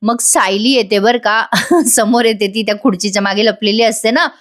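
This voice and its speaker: Give me a woman with a high voice, chatty storyteller recapping a soap episode. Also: fairly even intonation, moderate pace, fairly bright tone. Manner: chatty storyteller acting out quoted dialogue. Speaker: TV serial reviewer.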